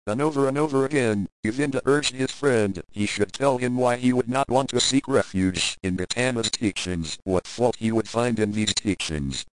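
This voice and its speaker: A man narrating an audiobook in a measured, even storytelling manner. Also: mid-range voice, no echo, poor audio. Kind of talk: scripted narration.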